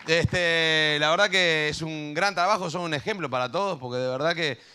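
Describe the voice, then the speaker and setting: A man hosting a school event on stage, chatting and joking with teachers and kids, cheering one moment and dropping into low asides the next. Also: moderate pace, pushed and bright, smooth. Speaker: event host.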